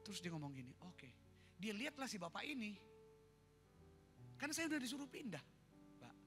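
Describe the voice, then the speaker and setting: A man with an Indonesian accent preaching a sermon, telling a story to his congregation in a lively way. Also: high-pitched, moderate pace. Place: church hall. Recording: reverberant church hall with music.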